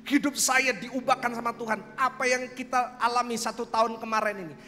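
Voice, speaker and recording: A young man from preaching a sermon as pastor, with a lively, animated delivery that calls out to the congregation. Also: very high voice, fairly quick. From Indonesia. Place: large church hall. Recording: reverberant church hall with faint music.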